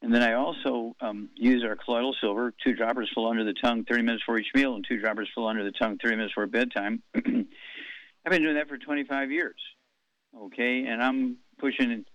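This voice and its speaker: A man's voice: medium pitch, steady tone, a bit bright, no echo. Casting: man in his eighties, radio host, rambling monologue full of "uh"s, dry close sound, dull lo-fi broadcast quality. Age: 80s. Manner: rambling, slow, reads out figures with many fillers.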